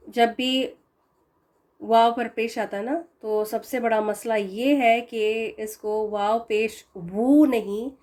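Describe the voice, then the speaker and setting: A woman teaching Quran pronunciation, drawing out each example sound slowly and explaining common mistakes. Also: on the high side, darkish tone. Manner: slow, drawn-out demonstration of sounds. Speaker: tajweed teacher.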